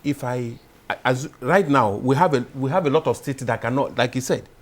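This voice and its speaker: Measured male analyst. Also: medium pitch. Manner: measured, explanatory, building to emphatic points. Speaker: public affairs analyst guest. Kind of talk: studio discussion. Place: TV studio.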